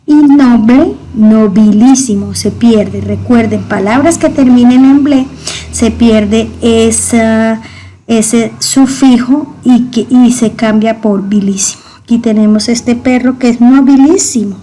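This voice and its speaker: A woman's voice: a little high, slow pace, warm tone, a little hiss or hum. A woman teaching a grammar lesson, speaking to her students directly and patiently repeating the key words.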